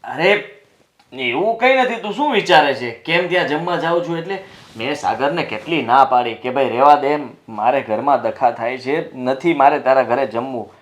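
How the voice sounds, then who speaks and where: A man's voice: medium pitch, animated, normal speed, roomy sound, natural voice. An actor playing a husband who defends himself against his wife in a family drama, pleading and then losing his temper. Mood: defensive. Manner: pleading then shouting in anger. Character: defensive husband, quick to anger. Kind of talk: Gujarati short-film family drama acting.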